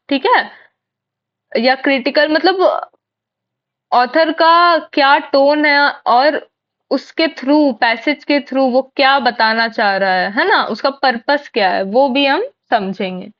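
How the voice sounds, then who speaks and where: A woman's voice: high voice, muffled recording. A woman teaching an exam-prep lesson, explaining step by step and asking and answering her own questions. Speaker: English teacher.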